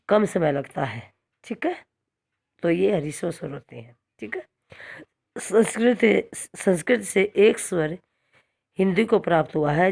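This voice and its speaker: A woman teacher giving a slow, repetitive grammar lesson to children, often checking in with "okay". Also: lowish voice, darkish tone. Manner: slow, repetitive explaining with frequent "theek hai" checks. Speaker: school teacher. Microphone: phone screen recording.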